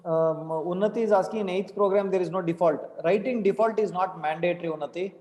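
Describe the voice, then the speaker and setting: A man's voice: high voice, fast talker, darkish tone. A young man with an Indian accent teaching an online class, informally, repeating instructions and checking with questions. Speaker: programming teacher. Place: small indoor room. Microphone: computer mic on a video call. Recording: echoey, reverberant room.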